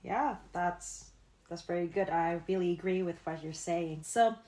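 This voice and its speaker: A woman's voice: on the low side, measured pace, a little mellow. A young woman from Indonesia, the founder and host of a podcast, talking earnestly with many fillers. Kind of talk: casual podcast chat.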